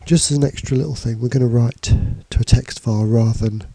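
A computing teacher with a cold and a bunged-up voice casually talks through a programming screencast tutorial indoors, voicing over slides and a screen recording with fillers and restarts. His voice is medium-pitched, steady, fairly quick, gravelly, and dark, with no echo.

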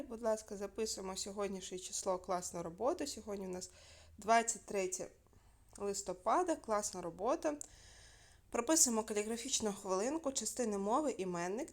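A woman teaching a primary school lesson by video, clear and patient, asking questions and answering them herself. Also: mid-range voice.

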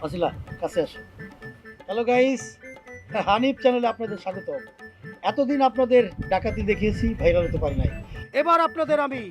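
A blustering hot-headed vlogger husband. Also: male voice, very high voice, animated, fairly quick, long pauses, faint music behind. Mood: vlogging. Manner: bluster and threats in a rustic voice. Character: hot-tempered blustering male YouTuber husband. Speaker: struggling village YouTuber husband. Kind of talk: TV drama comedy acting.

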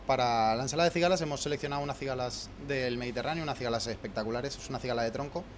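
A man's voice: medium pitch, background noise. A man, a head chef explaining his recipes in a restaurant kitchen into a handheld mic, with many restarts and fillers. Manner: fast, many restarts and fillers while listing ingredients. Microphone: handheld mic held by interviewer.

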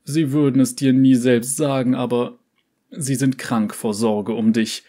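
A man's voice: medium pitch, steady tone, a little slow, dark tone, natural voice. A man voicing a cheerful, pushy elderly male yordle uncle who coaxes relentlessly in a storybook reading. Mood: coaxing.

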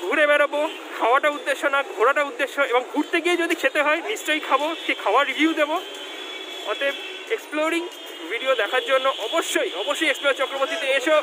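A man's voice: very high voice, fast talker, noisy background. A man vlogging on a busy street, chatting to viewers through a face mask. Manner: chatty, talks straight to viewers. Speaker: food vlogger. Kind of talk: walking street vlog. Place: busy city street outdoors.

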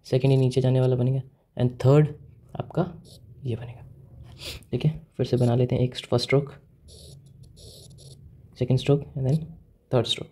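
A man with an Indian accent teaches Japanese writing step by step at a whiteboard, speaking Hindi mixed with English words and often asking the viewer questions. His mid-range voice is warm with a breathy edge, moving little in pitch, at a moderate pace with frequent pauses.

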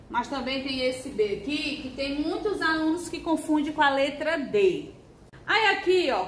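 A woman teaching a first-grade handwriting lesson with a Brazilian Portuguese accent, drilling syllables in a slow, sing-song way and stretching out words. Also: high-pitched. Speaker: primary school teacher. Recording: echoey room with faint hiss.

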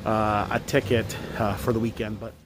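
A man's voice: lowish voice, level tone, normal speed, music in the background. A man talking through a face mask, chatting casually to his viewers on a theme park vlog. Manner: chatty, addresses viewers as guys. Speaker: vlogger.

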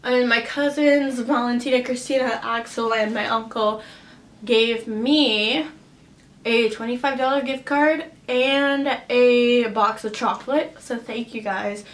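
A young vlogger chats about her haul at home, taking it slowly in a fairly high voice with fairly even intonation. She's upbeat and chatty, with many "like" and "um" fillers and a cough drop in her mouth, in an echoey indoor room.

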